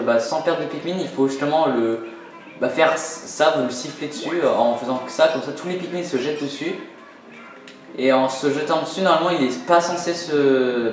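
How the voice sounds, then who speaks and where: A man giving casual, self-mocking commentary while playing a video game, with lots of fillers. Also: a little high. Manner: joking, self-mocking, many fillers, laughs often. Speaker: let's play host. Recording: very echoey room with game music.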